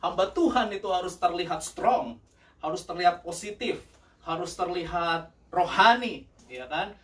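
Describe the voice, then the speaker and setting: Pastor preaching a lively sermon. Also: male voice, high voice, far from the mic. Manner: lively, switches between Indonesian and English, laughs often. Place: church service.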